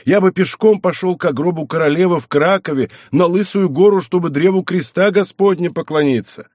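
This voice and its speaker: A man's voice: high-pitched, normal speed, darkish tone, no room sound, clean studio sound, voice pushed up. Man voicing a sly, fawning old knight. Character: cunning, flattering old male knight. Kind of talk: audiobook character reading.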